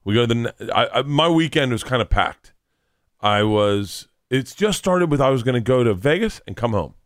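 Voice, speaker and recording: A man's voice: mid-range voice, expressive, moderate pace, dry recording, clean studio sound. Rambling, swearing man telling stories. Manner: rambling storyteller, swears, acts out quotes. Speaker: podcast co-host. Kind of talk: casual chat.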